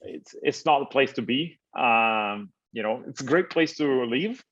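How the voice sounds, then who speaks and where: Italian-born man, halting interview answers. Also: mid-range voice, animated, a bit bright. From Italy. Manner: halting, many fillers and repeated words. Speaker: founder, interview guest. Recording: slightly dull, lo-fi audio.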